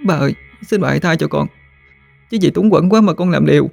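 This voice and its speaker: A man's voice: on the high side, a little slow, vocal fry, faint music behind, voice pushed up. A man voicing a frightened young servant girl who stammers and begs tearfully. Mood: pleading tearful.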